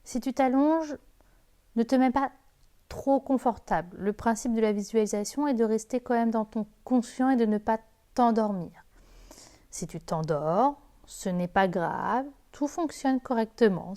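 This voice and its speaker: A woman's voice: on the high side, moderate pace, warm tone. A woman working as a sophrology guide, giving informal spoken instructions straight to the listener.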